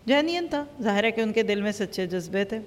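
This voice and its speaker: Woman lecturing in a reverberant hall. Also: mid-range voice. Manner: lively, acts out everyday dialogues. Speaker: Quran teacher. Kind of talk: religious lecture.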